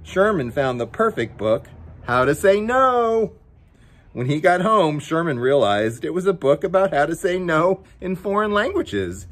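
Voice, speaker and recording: A slightly high, fairly bright voice belongs to a man reading a picture book to young viewers, animated but unhurried. He chats with them between passages and coaxes them along playfully.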